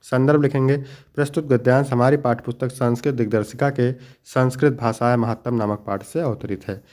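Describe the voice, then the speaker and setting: A young man teaching an exam-prep lesson, explaining each answer step by step, slowing down to stress key points and calling his students dear children. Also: medium pitch, fairly even intonation, a little mellow. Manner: explains each answer step by step, then reads the next question; addresses students fondly.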